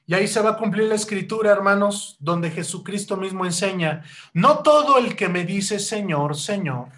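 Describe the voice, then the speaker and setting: A man preaching a sermon, asking rhetorical questions and addressing the congregation as brothers, with loud rising bursts and slow deliberate stretches. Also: sits high, lively intonation. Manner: rhetorical questions, keeps calling hearers "hermanos". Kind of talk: sermon teaching.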